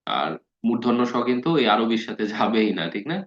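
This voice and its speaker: A man teaching a grammar lesson in a relaxed, conversational way, his voice sitting at an ordinary middle pitch. He keeps checking in with his listeners and drags out words slowly to show their spelling. The recording sounds dull and lo-fi. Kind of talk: casual spoken lesson.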